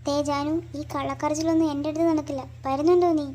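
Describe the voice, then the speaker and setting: A performer voicing a tense, unhappy young mother who speaks quietly and snaps at her child. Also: high-pitched, level tone, fast, natural voice. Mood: scolding. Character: troubled young mother, tense and short-tempered. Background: background music.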